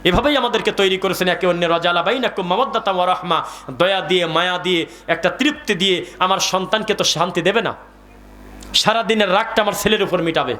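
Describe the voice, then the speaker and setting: A Bangladeshi man delivers a sermon at a religious gathering. His voice sits high and sounds bright and cutting. He keeps quizzing the listeners and drops into recited Arabic verses. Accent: Bangladeshi Bengali. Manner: call-and-response with the crowd, reciting Arabic verses. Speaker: preacher.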